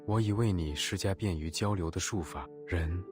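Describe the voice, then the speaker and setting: Man playing a deep, solemn, formal game character. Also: normal speed, music in the background, close to an everyday voice. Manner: stately, archaic formal phrasing. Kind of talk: scripted game voice acting.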